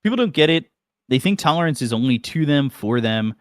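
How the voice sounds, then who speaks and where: Heated, profane man ranting with lively pitch. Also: a little fast, dry recording, clean studio sound. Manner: profane, heated, animated storytelling. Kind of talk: casual chat, heated story rant.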